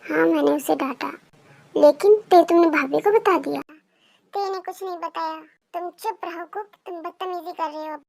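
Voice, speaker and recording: A stubborn, playful young husband who pleads and argues loudly, as a woman reader puts him on. The voice sits very high with a gravelly rasp, in a storybook reading. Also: normal speed. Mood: defensive. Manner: loud, whiny pleading.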